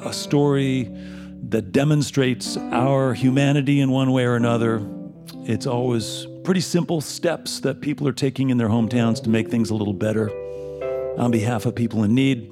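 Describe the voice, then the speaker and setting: A man hosting a live show, speaking from the stage in a conversational podium speech to introduce a guest, phrasing things haltingly. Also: mid-range voice. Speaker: host of a live music and community radio show.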